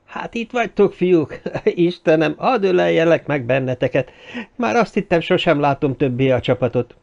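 A male narrator voicing a jovial, overjoyed grown man who exclaims in excitement. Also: on the high side, highs cut off, voice pushed up.

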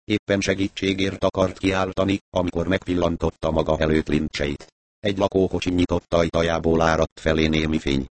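A man reading a novel aloud as narrator, in a steady, even way. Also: deep voice. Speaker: audiobook narrator. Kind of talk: scripted narration.

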